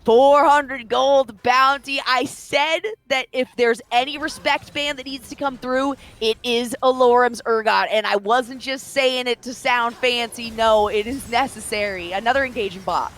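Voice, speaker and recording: Woman esports caster, slightly high voice, playful and excitable, leans on words. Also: normal speed, few pauses. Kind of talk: live esports commentary.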